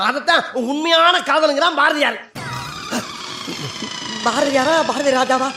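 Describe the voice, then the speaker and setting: An actor playing a cheeky young sidekick who jokes about love and marriage. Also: male voice, very high-pitched, measured pace. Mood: teasing. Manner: playful, chuckling, teasing. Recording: echoey room, faint noise.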